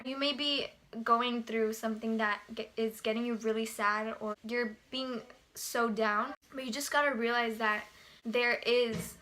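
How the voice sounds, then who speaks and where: A young woman talks straight to her camera in a relaxed vlog, earnest and full of filler words. Her voice sits a little high and rings bright and forward. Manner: earnest, chatty, heavy use of fillers like "you know" and "like". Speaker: vlogger. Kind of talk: casual talking-to-camera vlog.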